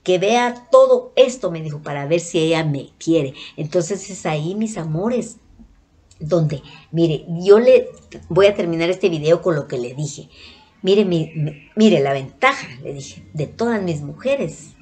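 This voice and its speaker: A woman's voice: low-pitched, lively intonation, measured pace, a little mellow, husky. Chatty Guatemalan woman vlogger. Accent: Guatemalan Spanish. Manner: chatty, retells dialogue, keeps addressing viewers as "mis amores". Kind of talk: casual storytelling to viewers.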